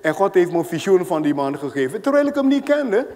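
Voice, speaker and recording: A man preaching a sermon as pastor, telling stories with lively acted-out voices. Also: high voice, quick pace. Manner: animated storytelling, acting out voices. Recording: long hall reverb.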